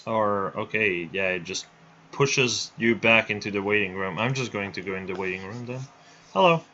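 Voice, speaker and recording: A man's voice: on the low side, moderate pace, pushed and bright, slight background noise. A man hosting a live stream over his headset mic, talking casually and rambling with frequent restarts. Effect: livestream headset mic audio. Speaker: livestream host running a build showcase. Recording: dull lo-fi stream audio.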